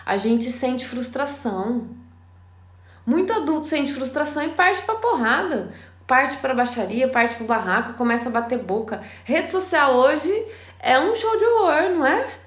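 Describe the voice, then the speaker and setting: A Brazilian woman with a Brazilian Portuguese accent, a parenting educator talking to parents on a live stream, animated and full of rhetorical questions. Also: sits high, unhurried, echoey room.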